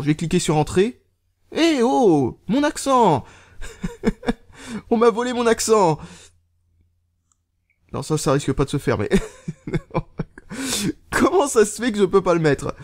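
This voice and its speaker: A man giving a casual hands-on phone review, halting and full of restarts, muttering and swearing under his breath as he types. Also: a little high, big pitch swings, darkish tone. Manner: halting, many fillers and restarts, mutters while typing. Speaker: tech reviewer.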